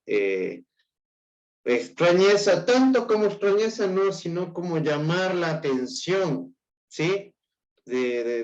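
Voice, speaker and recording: A man with an Ecuadorian Spanish accent lectures to his class at an unhurried, deliberate pace. He explains step by step, keeps checking whether his students are following, and stumbles on and repeats words. The recording sounds dull and lo-fi. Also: medium pitch, a little mellow. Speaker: teacher.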